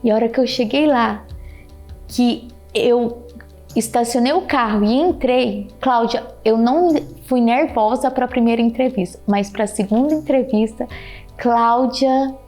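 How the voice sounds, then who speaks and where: A woman giving a heartfelt personal testimony, animated, repeating her phrases and thanking God. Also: a little high, unhurried, soft background music. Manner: animated, repeats phrases, keeps addressing the listener by name; religious, thanks God openly. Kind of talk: emotional personal storytelling.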